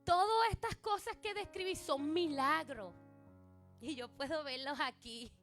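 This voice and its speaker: A woman's voice: high-pitched, measured pace, a bit bright, soft background music. A woman pastor preaching a fervent sermon at a church service, driving her points home with insistent repetition. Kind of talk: impassioned sermon.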